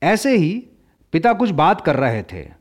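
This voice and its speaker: A man voicing a curious, tender-hearted young girl who asks bright, pleading questions in a storybook reading. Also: on the high side, wildly swooping pitch, measured pace, exaggerated voice.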